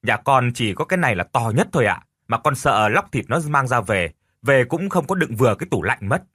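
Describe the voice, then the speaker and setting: A man voicing an excitable young adult son in an audio story, talking breathlessly. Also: medium pitch, fairly quick, husky, dry recording, clean studio sound. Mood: casual.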